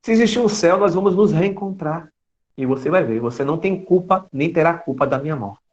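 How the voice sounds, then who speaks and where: Man doing a sick mom talking to her kid, soft and patient, muffled call audio. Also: a little high, expressive, brisk, natural voice. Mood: gentle. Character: gravely ill mother, calm and gentle. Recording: dull lo-fi online call audio.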